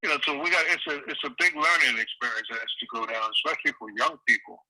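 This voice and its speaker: An older man talking calmly and reflectively in a casual interview over a phone line, with folksy phrasing and hesitant pauses. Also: mid-range voice. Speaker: interview guest, community elder.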